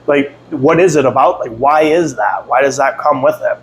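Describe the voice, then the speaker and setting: A man's voice: medium pitch, moderate pace, a little hiss or hum, poor audio. A young man hosting a casual podcast chat, talking loosely and calling his guest bro and dude. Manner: loose slangy talk, says bro and dude a lot. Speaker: podcast host.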